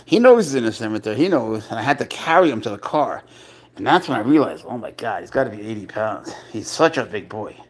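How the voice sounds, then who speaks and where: A man's voice: lowish voice, big pitch swings, quick pace, breathy edge. A man hosting a casual live stream, chatting playfully and talking doting baby talk to his pet, laughing often.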